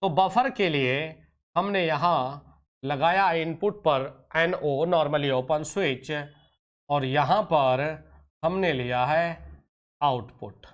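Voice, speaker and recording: A man's voice: on the high side, lo-fi sound. A man teaching an online exam-prep lecture, fond and teacherly, stretching out key terms, sometimes scolding his students. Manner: teacherly, addresses students as "beta" and "pyare bachche", scolds and coaxes; drawn-out slow emphasis on key terms.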